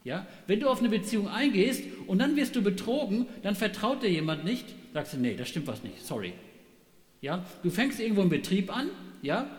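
A middle-aged man preaching a sermon, animated, asking rhetorical questions and checking with his listeners. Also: high-pitched, fairly quick. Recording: echoey hall, long reverb.

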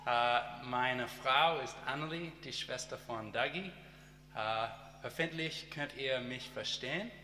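A man from Australia whose first language is English, giving a short sermon in careful, halting German with many pauses and restarts. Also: medium pitch, bright, forceful tone, reverberant, big-room sound, a little hiss or hum. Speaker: guest speaker and teacher. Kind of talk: church testimony and short sermon.

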